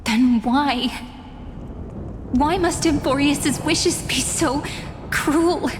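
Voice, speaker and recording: A mournful young heroine. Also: female voice, high voice, very slow, big-room sound, over music. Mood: sorrowful. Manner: soft, mournful, reflective delivery with sighs. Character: young heroine, sorrowful and searching. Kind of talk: game cutscene voice acting.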